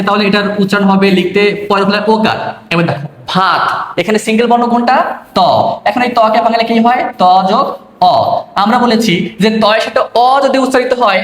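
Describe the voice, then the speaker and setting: Male tutor, high pitch, patient step-by-step explainer, echoey room. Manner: explains step by step, asks and answers own questions. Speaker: teacher. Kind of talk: online pronunciation lesson.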